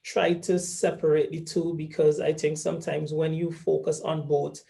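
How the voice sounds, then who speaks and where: A man speaks earnestly on a video call. His voice is gravelly and dark, and sits fairly high but stays flat in pitch. He restarts his sentences now and then as he explains himself. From Saint Vincent and the Grenadines. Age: 40s. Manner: earnest and measured, with frequent restarts. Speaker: workshop participant. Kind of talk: video call self-introduction. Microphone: video call microphone.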